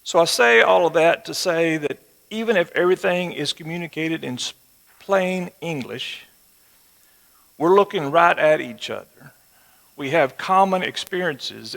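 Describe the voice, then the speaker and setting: A man's voice: a little high, normal speed, gravelly, a bit bright. A man in his sixties with a West Texas twang, teaching a Bible lesson to an audience in a folksy, conversational way with rhetorical check-in questions. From West Texas, United States. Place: large room or auditorium with a live audience. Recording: reverberant hall, amplified speech.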